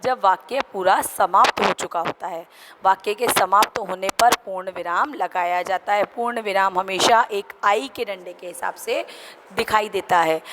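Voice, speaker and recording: A woman teacher giving a recorded grammar lesson to children, explaining slowly, repeating example sentences and mixing in English words. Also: medium pitch. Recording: noisy recording with clicks.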